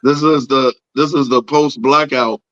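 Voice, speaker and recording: A man co-hosting a casual chat, his voice hoarse, raspy and strained, nearly gone. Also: mid-range voice, steady tone, a little slow, fairly bright tone, lo-fi sound. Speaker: podcast co-host. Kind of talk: casual chat among friends.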